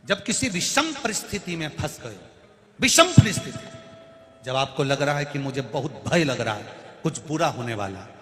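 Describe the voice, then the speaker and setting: A man preaching a devotional scripture sermon to a large gathering, dramatic and emphatic, with sudden swings in loudness. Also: mid-range voice, lively intonation, normal speed. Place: large hall before a crowd. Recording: echoey hall with long reverb.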